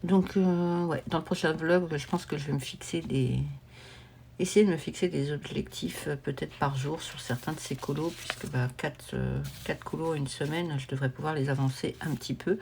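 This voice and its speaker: A woman talks casually to her camera at home, wandering from thought to thought and filling the gaps with little hesitations. Her voice sits a bit low, and faint noise is under her. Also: fairly even intonation, normal speed, vocal fry, darkish tone. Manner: rambling, meandering, with many fillers and restarts. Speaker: coloring vlogger.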